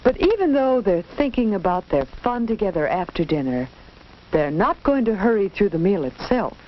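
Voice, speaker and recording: Addressing the listener directly to teach, a woman tells a simple children's story as narrator of a 1940s educational film. She has a mid-range, sing-song voice at normal speed. The muffled, band-limited 1940s soundtrack carries background noise.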